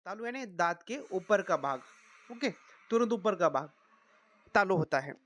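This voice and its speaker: A teacher giving a patient spoken lesson, saying each sound slowly and often checking in with the listener. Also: medium pitch, expressive, fairly bright tone, no room sound. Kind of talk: explanatory lesson.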